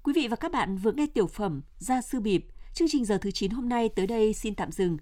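A woman radio announcer giving a formal, measured sign-off. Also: medium pitch, expressive, warm tone, faint music behind.

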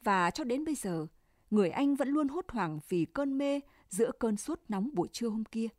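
A woman narrating a story in a calm, steady reading voice. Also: fairly high pitch, moderate pace, no echo, studio quality.

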